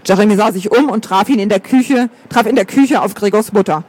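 A man narrating a novel in an even audiobook delivery. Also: sits high, a little fast. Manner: even, storytelling. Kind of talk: scripted narration.

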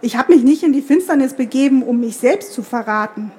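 A woman's voice: fairly high pitch, moderate pace, darkish tone, slightly rough. A woman reading a determined young tree woman. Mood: urgent. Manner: firm, urgent pleading.

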